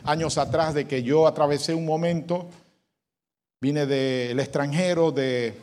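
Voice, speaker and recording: A man preaching a sermon as pastor, leading shouted call-and-response lines and then telling a story. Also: a little high, steady tone, a little slow.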